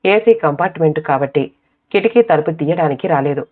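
A woman's voice: sits low, expressive, a little fast. Woman narrating a story over tinny sound.

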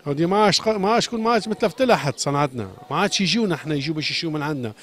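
A man's voice: fairly high pitch, expressive, very fast, a bit bright. A man from Sfax with a Tunisian Arabic accent, a shoemaker pouring out an impassioned, agitated complaint in a street interview, repeating his questions and pleading.

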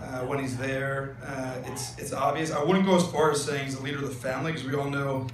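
A young man delivers a best man's wedding toast into a handheld mic, speaking briskly in a mid-range voice with fairly even intonation. He rambles, leans on fillers, and cracks jokes. The large wedding tent is echoey and loud, with guests laughing in the background.

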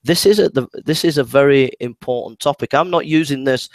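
A man arguing his side in a casual debate, often pausing and restarting his sentences. His voice sits at an ordinary pitch, and the sound is dry and close to the mic, with no room around it. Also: no echo. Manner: hesitant, many restarts and repeated words.

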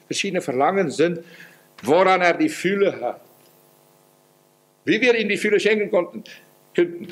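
A male pastor delivers a sermon in a slightly high voice. He preaches earnestly and lets his pitch and loudness rise and fall widely as he drives his points home. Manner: acts out quoted prayers in a pleading voice.

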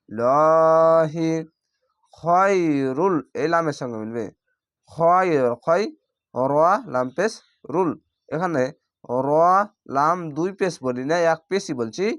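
A man teaching Quran reading, spelling each word out slowly by its letters and vowel marks before reciting it. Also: on the high side, no echo. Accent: Bangladeshi Bengali. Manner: slow, drawn-out syllable-by-syllable spelling with recited words.

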